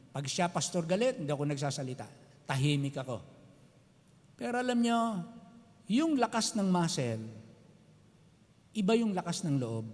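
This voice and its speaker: Man preaching, high voice, animated, long hall reverb. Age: older. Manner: animated preaching, mixing Tagalog and English. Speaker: pastor. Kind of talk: sermon. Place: church sanctuary.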